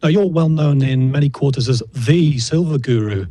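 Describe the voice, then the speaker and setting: A male interviewer poses measured questions in a mellow, warm voice. The sound is close and dry, with no room echo. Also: mid-range voice.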